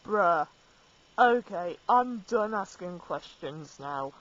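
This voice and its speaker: Slow-talking woman playing a game. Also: on the low side, animated, a bit bright, lo-fi sound. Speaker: gamer reading dialogue choices. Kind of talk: let's play commentary.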